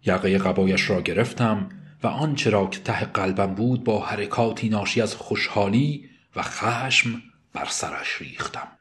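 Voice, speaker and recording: Male first-person audiobook narrator, measured and subdued, somewhat low voice. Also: a bit bright. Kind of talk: first-person novel reading.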